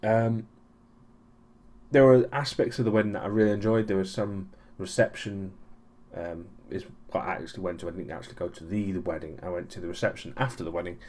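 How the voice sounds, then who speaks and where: A man's voice: low voice, steady tone, fairly quick, darkish tone. A young man giving a casual weekly vlog recap, rambling with many ums and restarts and a dry, sarcastic streak. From Europe. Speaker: vlogger.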